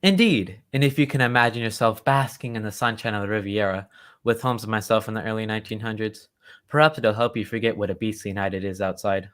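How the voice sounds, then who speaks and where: An actor playing a genial, loyal and excitable English gentleman doctor who tells stories in old-time radio drama style. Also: on the low side, quick pace, clear, resonant tone, natural voice. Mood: genial, welcoming. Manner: genteel, old-fashioned storytelling.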